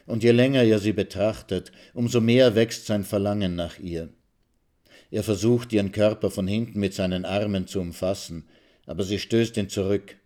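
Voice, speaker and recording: Man, low voice, measured literary radio reading. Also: dark tone. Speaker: radio reader. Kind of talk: literary reading of a short story.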